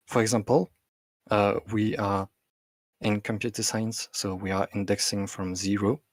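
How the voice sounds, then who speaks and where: A man explaining computer science over a video call that comes through glitchy and warbling. He talks haltingly, with many ums and restarts. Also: fairly low pitch, little pitch movement, no echo. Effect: glitchy, warbling video-call audio. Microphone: computer mic on an online call.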